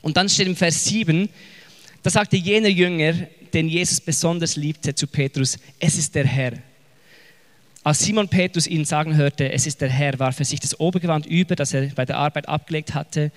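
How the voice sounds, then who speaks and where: Swiss German man giving a relaxed sermon, slightly higher voice, hunts for words, retells Bible stories in everyday speech. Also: normal speed, long reverb tail. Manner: searching for words, frequent fillers and restarts; retells scripture in casual, lively paraphrase. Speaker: preacher.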